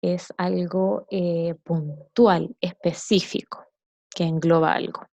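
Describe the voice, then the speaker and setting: A woman's voice: fairly low pitch, level tone, slow pace, creaky, a little mellow, dry recording. A woman teacher giving a patient, explanatory recorded lesson to children, often checking in with her listeners.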